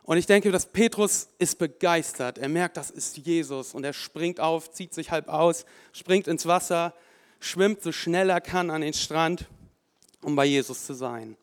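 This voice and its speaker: A fairly high-voiced man preaching with lively emphasis. He acts out the thoughts of the people in the story. His voice rings with a long reverb, as in a church hall. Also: unhurried. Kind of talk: sermon.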